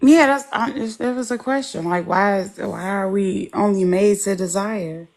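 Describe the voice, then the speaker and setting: A woman's voice: mid-range voice, moderate pace, vocal fry, darkish tone. Persistent questioning woman on a phone. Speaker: guest caller. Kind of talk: casual group chat.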